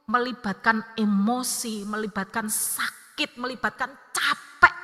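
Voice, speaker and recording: A woman, preaching a sermon as an evangelist and telling family stories with lively acted-out dialogue. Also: mid-range voice. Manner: lively, acts out family dialogue in her story. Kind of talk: sermon with personal storytelling. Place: church hall. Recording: long church-hall reverb.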